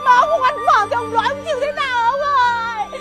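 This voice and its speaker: An actress playing a melodramatic village wife, given to sobbing and wailing laments. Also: female voice, very high voice, expressive, fairly quick, faint music behind. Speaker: actress in comedy film. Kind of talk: slapstick comedy acting.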